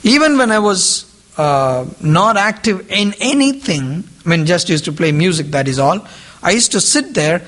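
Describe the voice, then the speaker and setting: This preacher's voice sits high and fairly bright, swinging widely in pitch at a normal speed. English isn't his native language, and in his sermon to a group he repeats key phrases and questions the listeners.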